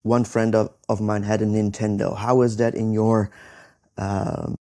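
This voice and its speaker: A man hosting his own interview show, his voice low, dark and gravelly. He talks slowly and haltingly, with many ums and restarts. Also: little pitch movement. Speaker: podcast host. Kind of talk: conversational interview.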